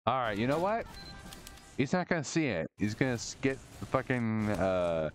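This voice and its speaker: A man streaming a shooter game live, commenting excitably, swearing a lot and rambling to his chat. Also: medium pitch, moderate pace. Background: game music.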